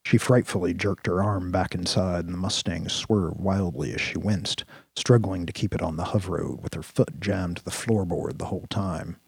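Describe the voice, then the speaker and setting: A man narrating a sci-fi action story in a steady, vivid storytelling manner. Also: low voice, moderate pace, creaky, breathy edge, dry recording. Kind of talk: audiobook-style story narration.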